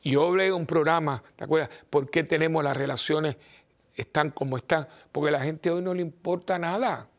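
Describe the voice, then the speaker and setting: An older man, a priest, preaching in a lively, chatty way and acting out the people in his stories. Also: on the high side, a little fast. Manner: lively, animated, acts out voices in anecdotes. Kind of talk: conversational sermon with storytelling.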